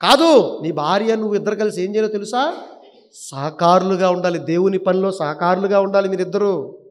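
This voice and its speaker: High-voiced male preacher in a reverberant hall. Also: fairly quick. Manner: rhetorical questions, swings between loud appeals and low asides. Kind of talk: impassioned sermon.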